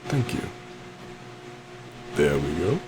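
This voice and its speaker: In an ASMR roleplay, a man plays a suave, possessive stage magician, speaking very low and slow with lively, swooping intonation. Heavily acted, courtly and theatrical, he coaxes softly with terms of endearment, sweetly menacing in a mood of playful showmanship, over a clear steady hum.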